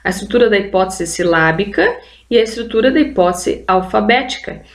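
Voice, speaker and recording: A woman with a Brazilian accent teaches early literacy in a recorded video lesson. Her voice sits in a middle pitch and bounces around a reverberant room. She walks through examples patiently and keeps addressing viewers directly. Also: expressive, brisk. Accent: Brazilian Portuguese. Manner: explains with frequent "olha só" prompts, addressing viewers as "gente".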